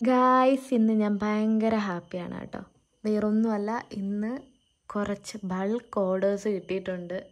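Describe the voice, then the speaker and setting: A woman's voice: mid-range voice, fairly even intonation, normal speed. A woman chatting casually in a day-in-my-life vlog, adding friendly tags to her sentences. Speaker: vlogger.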